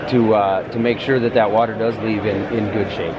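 A man's voice: fairly low pitch, a little fast, crowd noise. A man in his thirties from the Minnesota area, a farmer casually interviewing guests in a busy expo hall. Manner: friendly, relaxed questioning. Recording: dull camera audio with background noise.

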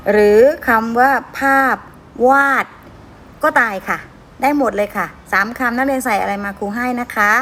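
High-voiced woman teacher, syllable by syllable. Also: a bit bright, slight background noise. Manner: drawn-out syllable-by-syllable reading, frequent checking questions. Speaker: schoolteacher. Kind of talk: explaining worksheet answers to pupils.

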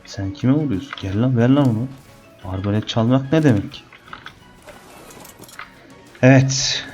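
Casting note: young male gamer, lowish voice, chatty and teasing, faint game music underneath. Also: gravelly. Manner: chatty, teasing the game creatures, bursts of excitement in fights. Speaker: gaming channel host. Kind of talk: casual let's-play commentary.

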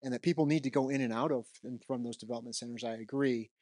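In a conference hall, a middle-aged man gives an unscripted, conversational keynote through a handheld mic, moving around the stage and often adding "right?" to his points. His mid-range voice has a darkish tone, fairly even intonation and a quick pace, and the audio is studio quality.

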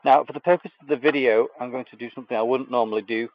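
A man's voice: medium pitch, racing, dry recording, muffled recording. A man hosting a live beekeeping stream, talking casually with many fillers as he inspects a hive outdoors. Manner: relaxed, hesitant with many fillers. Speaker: beekeeper host. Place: outdoor bee yard. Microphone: camera mic, speaker off frame.

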